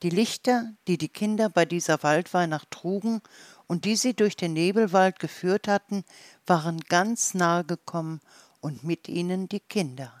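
A woman reading a children's Christmas story aloud in a calm, read-aloud narration. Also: fairly low pitch, moderate pace, no echo.

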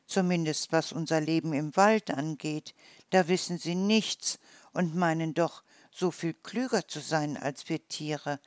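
A storyteller voicing a small, clever forest mouse with a lively, mocking manner. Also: mid-range voice, measured pace, dry recording, clean studio sound, close to an everyday voice.

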